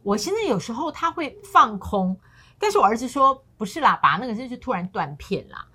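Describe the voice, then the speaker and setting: Animated husky-voiced woman telling stories. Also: on the high side, a little fast. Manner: animated storytelling, acting out quoted voices. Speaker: co-host. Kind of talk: casual talk-show chat.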